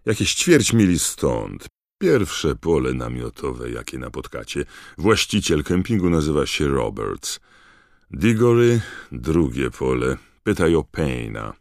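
A man's voice: extremely low pitch, big pitch swings, takes it slowly, creaky, no room sound, studio quality, exaggerated voice. A man voicing a tired, grumbling middle-aged wizard clerk.

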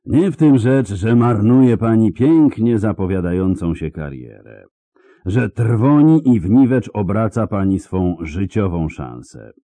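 A menacing male coroner drawls his threats with venom, as a male narrator plays him. The voice is pushed higher and louder than the narrator's own, with a dry, close sound. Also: big pitch swings, slow pace, few pauses, no room sound, exaggerated voice. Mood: venomous.

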